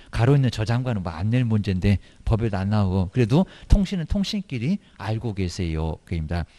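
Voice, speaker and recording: A middle-aged man teaching an exam-prep class in a low, mellow voice. His pitch jumps around a lot as he talks. He fires rhetorical questions at the students and drops in colloquial asides. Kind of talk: recorded online lecture.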